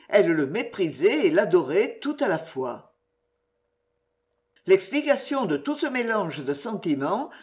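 Expressive woman narrating an audiobook. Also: medium pitch. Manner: expressive, measured storytelling.

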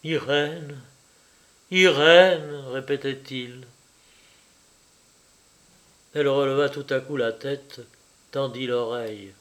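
A man narrating a classic novel in a calm, measured way. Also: mid-range voice. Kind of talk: scripted audiobook narration.

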